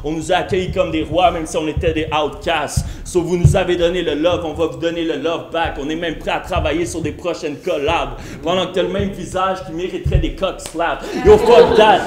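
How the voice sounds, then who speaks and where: Man, Québécois accent, battle rapper, taunting punchlines, high voice, echoey noisy room. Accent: Québécois French. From Quebec. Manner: taunting, punchy insults with English slang mixed in. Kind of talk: a cappella rap battle verses. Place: indoor battle venue.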